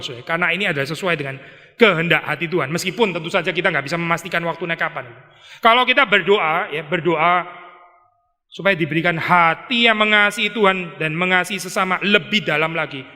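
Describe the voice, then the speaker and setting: Man, pastor, conversational sermon, animated asides, bright forceful voice, long church reverb. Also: sits high. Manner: conversational preaching, mixes English words; animated, acts out prayers. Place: large church.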